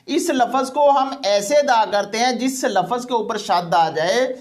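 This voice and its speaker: Earnest man teaching religious pronunciation. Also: extremely high pitch. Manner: earnest, repetitive, slowly drawn-out recitation of words. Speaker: Islamic teacher.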